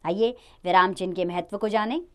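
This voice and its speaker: A woman teaching a grammar lesson to children, lively, stressing key words and dropping low at the ends of sentences. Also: brisk, clean tone.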